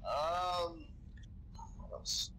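A man with a slightly high voice and drawn-out words improvises casually as a chatty, foul-mouthed sci-fi crewman who knows his weapons, playing in a Star Wars roleplay game. It's in-character gaming chat captured over voice chat, with background noise.

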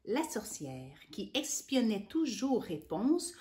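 Animated Québécois woman reading to kids. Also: on the high side, takes it slowly. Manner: animated, sing-song, addresses the child directly. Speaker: children's storyteller and channel host. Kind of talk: reading a storybook aloud to children.

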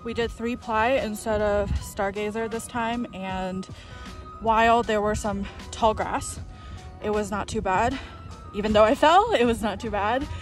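Speaking a little slowly in a mid-range voice, a young ski vlogger keeps up casual commentary on an action camera outdoors on the slope. She's chatty, lets out exclamations and complains about rocks, while music runs under her voice.

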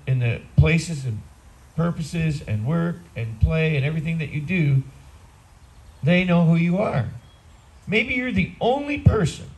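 Gravelly-voiced priest in his sixties preaching outdoors. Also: medium pitch, a little mellow, poor audio. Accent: Upper Midwest American. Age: 60s. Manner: conversational, plain-spoken preaching. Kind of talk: outdoor homily. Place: outdoors on a garden patio under a canopy. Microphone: far camera.

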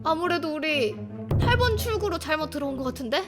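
A woman bantering excitably through gameplay with some playful skit acting, in an exclamatory way. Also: sits high, fairly quick. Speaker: gaming video creator. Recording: loud music under the voice. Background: background music.

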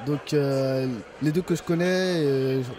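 A young man with a slightly high voice answers haltingly, pausing often. He speaks into a handheld mic outdoors on a campus, and he sounds a little distant. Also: warm tone. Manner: hesitant, many pauses. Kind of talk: street interview.

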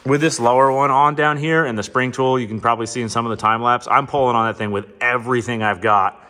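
A mechanic and video host in his thirties walks the camera through a hands-on install in a roomy indoor garage workshop, explaining things in a candid, informal way. His mid-range voice is steady and sharp in tone, and he speaks quickly. The garage echoes, with clear background noise and clicks.

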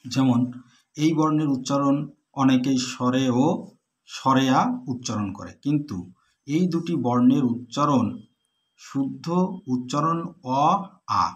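A male handwriting teacher speaks in a voice of ordinary middle pitch. His delivery is slow and deliberate, and he keeps directing the viewer to look at what he is writing. At times his voice drops and drifts off the mic as he bends to the page. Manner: measured, deliberate, repeatedly points things out to the viewer. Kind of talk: instructional lesson while demonstrating writing.

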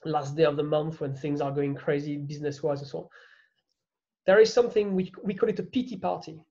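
A man with a French accent speaks earnestly in a casual interview, often repeating words as he searches for them. His voice sits high and mellow. The sound is dull and lo-fi. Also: fairly even intonation, a little fast, creaky. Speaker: guest.

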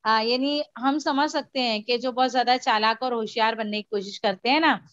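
A woman's voice: on the high side, steady tone, moderate pace, fairly bright tone, dry recording, muffled recording. A woman teacher explaining a story to a class, patiently repeating and mixing in English. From India. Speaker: school teacher.

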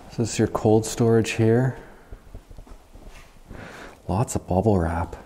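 A man's voice: fairly low pitch, slow, warm tone, a little hiss or hum. A man giving casual, chatty commentary as he walks through an abandoned house, easily amazed by what he finds, recorded on a body-worn camera. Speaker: urban explorer host. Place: empty abandoned house, indoors.

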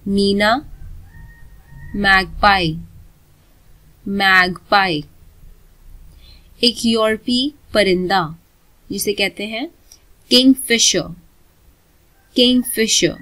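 A woman leads a vocabulary lesson at a very slow, deliberate pace, saying each word twice. Her voice sits at an ordinary middle pitch and grows loud and emphatic on every new word. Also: poor audio. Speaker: vocabulary teacher.

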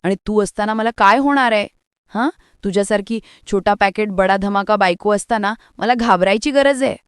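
A gentle young husband reassures in a soft, unhurried way, stretching his English phrases, voiced by a woman narrator in her own register. The sound is clean, smooth and dry. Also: mid-range voice, dry recording, natural voice. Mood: soothing. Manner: soothing, slow English phrases.

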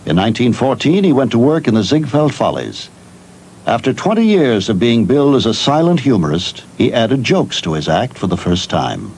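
A man's voice: medium pitch, sing-song, normal speed, a little mellow, a little hiss or hum, poor audio. A middle-aged man presenting a documentary with polished, scripted storytelling narration.

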